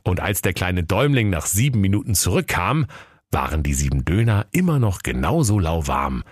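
A man's voice: low-pitched, sing-song, moderate pace. A man narrating a comic fairy tale in a playful storyteller's voice, addressing children.

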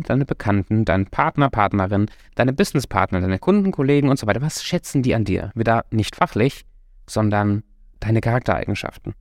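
A man's voice: lowish voice, a little mellow, no room sound, studio quality. A man giving a motivational talk as a coach, speaking directly and encouragingly to the listener and stretching his key words.

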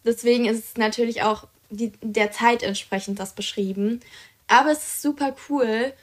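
Presenting books she loves, a young co-host chats with enthusiasm on a casual podcast, scattering fillers through her speech. Her pitch is fairly high and her intonation fairly even, and she speaks at a normal speed.

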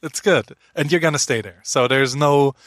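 A man's voice: fairly high pitch, moderate pace, fairly bright tone, no room sound. A man hosting a podcast, chatting casually and teasing his guest in a playful way. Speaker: podcast host. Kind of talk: casual interview chat.

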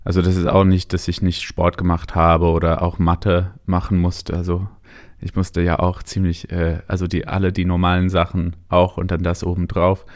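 Male interview guest, low register, British English accent in German, halting casual delivery sprinkled with English words. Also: completely flat delivery. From Canada and England.

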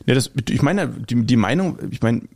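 A man's voice: mid-range voice, lively intonation, normal speed, darkish tone. A man co-hosting a casual podcast chat with a German accent, telling rambling anecdotes and often correcting himself mid-sentence. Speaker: podcast co-host.

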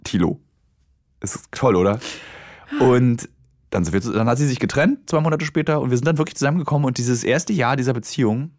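A man's voice: mid-range voice, lively intonation, quick pace, a little mellow. Chatty man telling a personal story. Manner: self-deprecating, lots of fillers and restarts. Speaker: podcast guest.

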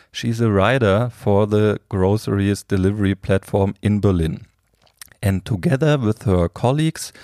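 Male podcast host, measured delivery, low and dry. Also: darkish tone, no echo. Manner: measured, reads prepared questions. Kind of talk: interview hosting.

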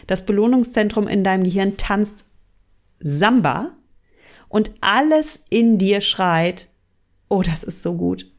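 A woman coaches mindful eating in a gentle podcast monologue, turning to the listener again and again. Her voice sits in a middle pitch, and she now and then acts out tempted inner voices with sighs. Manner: gentle, speaks directly to the listener.

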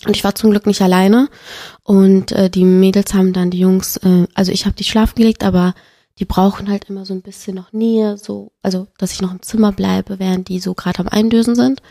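A woman's voice: medium pitch, fairly quick, gravelly. A young adult woman, a podcast guest, telling a painful personal story with feeling in a casual chat. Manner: emotional, animated storytelling.

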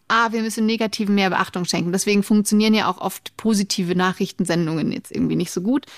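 A woman's voice: mid-range voice, no room sound, studio quality. A woman co-hosting a casual podcast, explaining things in a chatty way and laughing easily. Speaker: podcast co-host, memory trainer.

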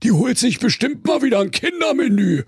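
A man voicing a dim, loud teenage male bear in Berlin dialect, squeaky and shouting. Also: big pitch swings, fairly quick, slightly rough, no room sound, studio quality, exaggerated voice. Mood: excited.

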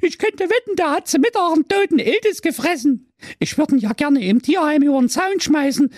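A man voicing a fussy, dramatic young sister in an exaggerated shrieking falsetto. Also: lively intonation, brisk, darkish tone, no echo, studio quality. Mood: shrill.

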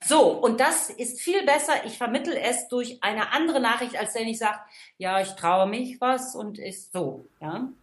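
Pitched on the high side and measured in pace, this woman is a trainer and coach from the Rhineland, Germany. In an echoey room, she gives conversational expert talk, putting her views across emphatically and checking that the listener follows.

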